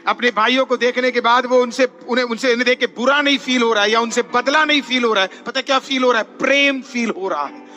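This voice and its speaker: A man preaching a sermon in a high, bright voice, calling out hallelujah between points and mixing in English phrases. Faint music plays softly underneath him. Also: fast. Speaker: pastor. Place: church.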